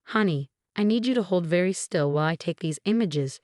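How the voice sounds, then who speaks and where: A gentle, protective hospital technician who speaks softly and reassuringly, voiced by a woman. The voice sits low and sounds close and dry. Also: lively intonation, brisk, no echo, close to an everyday voice. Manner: soft, reassuring. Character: kind, gentle female X-ray technician, protective.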